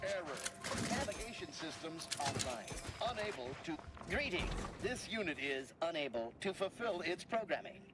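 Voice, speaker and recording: A man's voice: fairly high pitch, big pitch swings, moderate pace, heavy background noise. An actor playing a malfunctioning male medical robot booting up, stiff and formal, calling itself this unit. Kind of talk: video game dialogue. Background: game music.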